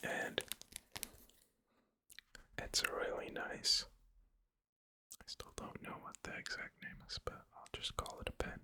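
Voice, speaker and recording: Slow, bright close-up ASMR whisper. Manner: slow, hesitant, rambling. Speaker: ASMR creator. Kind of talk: whispered ASMR ramble about drawing tools. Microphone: close ear-to-ear microphone.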